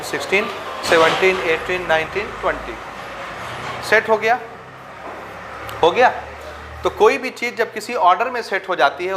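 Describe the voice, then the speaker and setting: A high-pitched man teaches a maths lesson, counting numbers aloud and checking again and again that his students understand. A faint hiss sits behind his voice. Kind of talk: classroom lecture.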